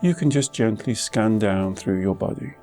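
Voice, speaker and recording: A man leads a guided meditation as the teacher, his lowish voice calm and reassuring as he offers gentle instructions in short phrases with pauses. He takes his time, and soft instrumental music plays in the background.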